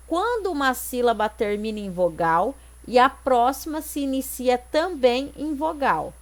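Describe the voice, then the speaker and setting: A Brazilian woman teacher explaining exercises step by step in an online lesson, with frequent tag questions to check that her students follow. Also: medium pitch. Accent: Brazilian Portuguese. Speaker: Portuguese teacher.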